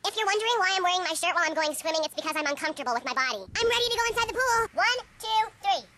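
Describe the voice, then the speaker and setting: A young man playing a hyperactive, awkward boy, his voice sped up into a high-pitched chipmunk squeak, rambling and frantic. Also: lively intonation, rapid-fire, pushed and bright, soft background music, exaggerated voice. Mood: hyper. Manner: frantic, rambling, blurts things out.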